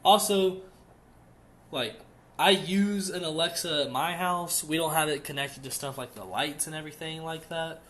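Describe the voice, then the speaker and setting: A man's voice: a little high, normal speed, fairly bright tone. A young man co-hosting a casual podcast, giving his opinions in long run-on explanations. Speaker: podcast co-host.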